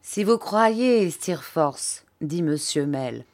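A woman's voice: low voice, expressive, very slow, darkish tone, heavily acted. A woman reading an audiobook, voicing an agitated male schoolmaster who raises his voice in trembling outbursts.

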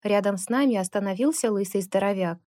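A woman's voice: fast, dry recording, clean studio sound. A woman narrating a first-person novel as an audiobook, giving the characters their own voices. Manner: voices characters with raised pitch and loudness.

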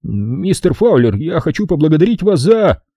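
A man reading an audiobook, voicing a petulant, whiny man of about thirty who rasps his threats. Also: on the high side, sing-song, normal speed, dark tone, dry recording, studio quality, voice pushed up. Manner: whining and rasping.

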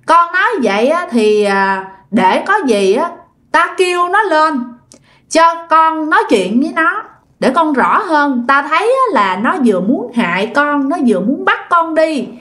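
A woman voicing a shrill male spirit speaking through a medium, stern and knowing. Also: big pitch swings, measured pace, a bit bright, exaggerated voice. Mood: solemn.

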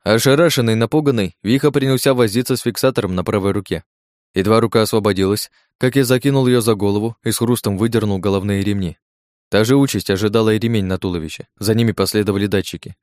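A man with a fairly low voice reads a first-person action story in a tense, gritty style. The studio sound is dry and close, with no room at all. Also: fast talker, darkish tone, no echo. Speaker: audiobook narrator. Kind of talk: first-person scripted narration.

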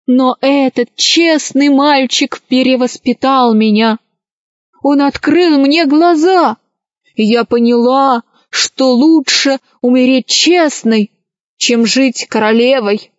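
A fickle pirate queen from a children's storybook who gushes and exclaims in a raised, fairly high voice, as a woman puts her on. She speaks slowly, and the recording is dry and slightly dull. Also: no echo. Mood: dramatic. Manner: gushing and exclamatory.

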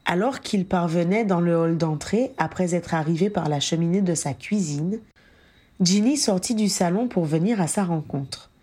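A woman with a fairly low voice narrating an audiobook of a fan story. Her telling is steady and even throughout. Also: moderate pace, husky. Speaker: audiobook reader.

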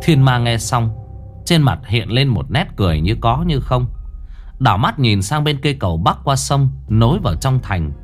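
A man narrating a dramatic horror story with an expressive, swooping delivery. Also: mid-range voice, normal speed, soft background music.

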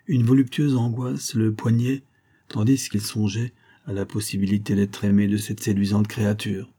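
A man calmly narrating a novel as an audiobook reader, measured and even. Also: fairly low pitch, breathy edge.

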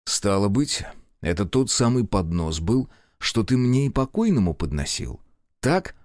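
A man voicing a calm male investigator who questions persistently and measuredly, in an audiobook. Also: fairly low pitch, measured pace, dry recording, clean studio sound. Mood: probing.

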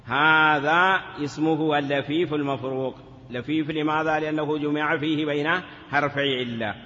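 A man's voice: fairly high pitch, steady tone, moderate pace, sharp tone, in a large hall, muffled recording. A man teaching a grammar lesson in a classroom, asking questions and answering them himself, sometimes drawing words out in a chanting lilt. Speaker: teacher of Arabic morphology. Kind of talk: classroom lecture.

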